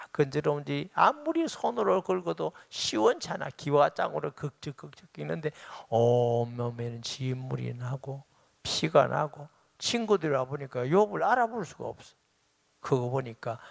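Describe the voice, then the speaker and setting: A man's voice: a little high, expressive, unhurried, vocal fry. A middle-aged man, preaching a sermon as pastor and acting out quoted dialogue with rising emphasis.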